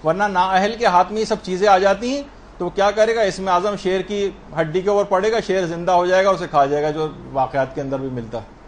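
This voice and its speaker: A man's voice: sits high, a little hiss or hum. A man teaching a religious lesson in an earnest, explanatory way, demonstrating how words should be pronounced. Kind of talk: lecture on prayer to a female audience.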